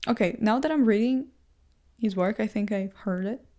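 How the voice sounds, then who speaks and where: Sitting indoors in a chair, a young woman vlogger whose first language isn't English chats casually in a rambling monologue, thinking out loud and teasing herself. Her medium-pitched voice moves at normal speed, full of fillers and restarts.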